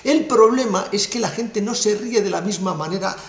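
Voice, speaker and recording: Scornful commentator, echoey. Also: male voice, sits high, moderate pace. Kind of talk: political commentary monologue. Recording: roomy echo.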